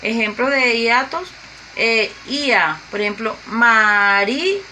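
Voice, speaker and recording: Slow, bright-voiced woman teacher. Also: on the high side, animated, a little hiss or hum, poor audio. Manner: slow and deliberate, repeating and spelling out examples with fillers. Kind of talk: slow grade-school grammar lesson.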